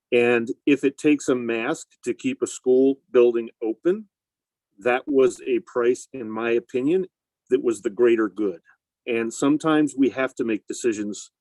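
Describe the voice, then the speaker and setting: A man speaking through a face mask as a school board member, giving measured, deliberate remarks at a public meeting. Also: medium pitch, a little mellow, no room sound. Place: inside a school building.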